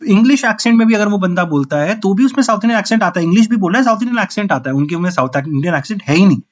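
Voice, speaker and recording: A high-pitched man rants his way through a casual film review, sounding fed up and slipping English phrases into his sentences. The sound is dull and lo-fi. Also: lively intonation, racing. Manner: frustrated, ranting, mixes English phrases in.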